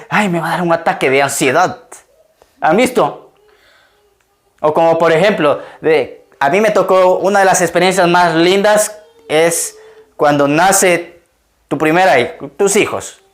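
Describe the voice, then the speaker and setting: A man's voice: high-pitched, unhurried. Chatty male pastor preaching. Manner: conversational, asks the congregation questions; laughs often while telling stories. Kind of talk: sermon.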